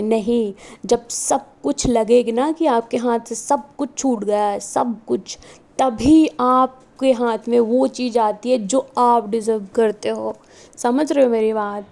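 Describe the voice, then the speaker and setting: A woman's voice: fairly high pitch, vocal fry, warm tone. A pregnant woman vlogger and housewife giving an earnest motivational talk, pleading with her viewers and repeating herself for emphasis.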